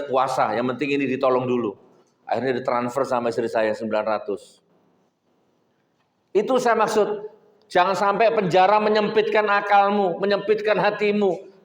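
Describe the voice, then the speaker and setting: A man preaching a sermon, telling stories and swinging between loud exhortation and low asides. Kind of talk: sermon with storytelling. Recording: echoey hall with long reverb.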